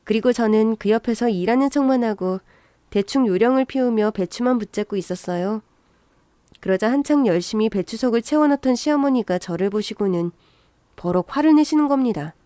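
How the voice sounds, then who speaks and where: Woman narrator for a story channel, high voice, calm and composed, dry sound. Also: brisk, no room sound. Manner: calm, composed, politely cutting.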